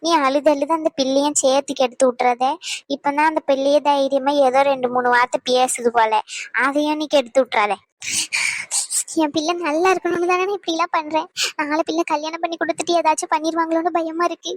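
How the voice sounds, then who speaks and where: A woman's voice: sits high, steady tone, a little fast, no echo, close to an everyday voice. A woman voicing homely, advising village aunties. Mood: consoling. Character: chatty middle-aged village women, aunts and neighbours. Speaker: voice actor. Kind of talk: cartoon voice acting.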